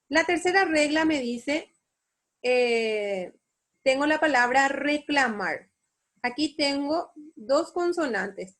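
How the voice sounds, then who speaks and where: A woman teacher with a Paraguayan Spanish accent, giving an online spelling lesson and explaining step by step with frequent check questions. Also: high-pitched. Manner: slow, explanatory, asks rhetorical check questions. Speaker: university teacher.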